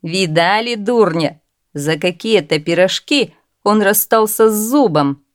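A woman's voice: mid-range voice, animated, measured pace, close to an everyday voice. A woman putting on jeering haughty noblemen. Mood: gloating. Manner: scornful, jeering, loud. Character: haughty, mocking noble gentlemen. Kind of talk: storybook reading.

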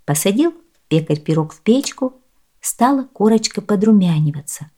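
Woman storyteller, expressive and dramatic, for folk-tale narration. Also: mid-range voice, normal speed. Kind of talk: scripted fairy-tale narration.

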